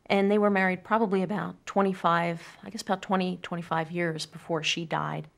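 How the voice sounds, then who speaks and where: Speaking briskly with vocal fry and fairly even intonation, this middle-aged woman has a lowish voice. She reflects earnestly on her family, sharing memories and reading a poem in a quiet furnished room indoors.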